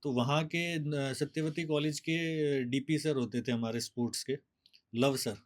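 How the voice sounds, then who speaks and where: A man, a bodybuilder guest telling his story in a steady, explaining way. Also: a little high, unhurried. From Delhi, India. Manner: steady, explanatory, mixes English words. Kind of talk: casual interview storytelling.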